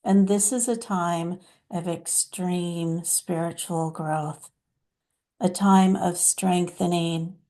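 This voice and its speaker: A woman channeling a compassionate, motherly female divine spirit who speaks slowly and soothingly to listeners as her children. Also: lowish voice, fairly even intonation, dark tone.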